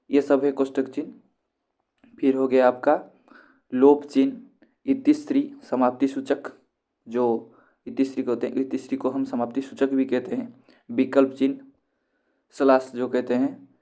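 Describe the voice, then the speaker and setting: A man with an Indian accent teaching Hindi grammar to students, explaining slowly and repeating key terms. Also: medium pitch, dark tone.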